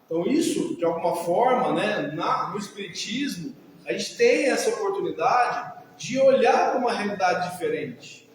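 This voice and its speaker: A man with a Brazilian accent, a mental health professional, giving a didactic talk and often checking in with his audience through quick tag questions. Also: high-pitched, expressive, a little hiss or hum. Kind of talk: lecture to an audience. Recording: echoey hall, distant mic.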